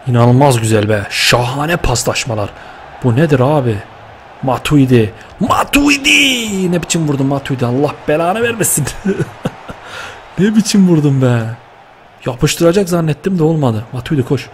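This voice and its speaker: A young man giving lively, excitable commentary while playing a football video game, cheering and scolding his players with slang. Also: medium pitch, normal speed, a little hiss or hum. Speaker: gaming YouTuber.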